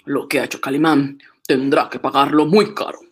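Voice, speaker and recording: In a radio drama, a male actor plays a suspicious, threatening police inspector who barks demands with gasping unease, sounding vengeful. His husky, fairly bright voice is medium-pitched, steady in tone, and at a normal speed.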